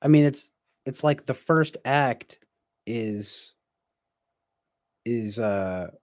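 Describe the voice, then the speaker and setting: A man in his twenties with a mid-range voice talks extremely slowly on a livestream, the sound clean and studio-like with no echo. Reflective and rambling, he reads viewer comments aloud, full of fillers and restarts.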